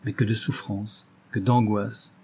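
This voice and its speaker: A man reading a story aloud in measured scripted narration. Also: on the low side, little pitch movement, mellow, husky.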